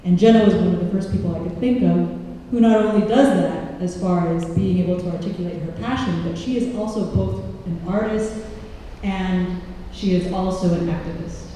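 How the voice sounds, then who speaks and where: A woman's voice: on the low side, normal speed, warm tone, slight background noise. A woman hosting a live stage event, talking in a casual, rambling way with many fillers. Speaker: event host. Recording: echoey hall from far off.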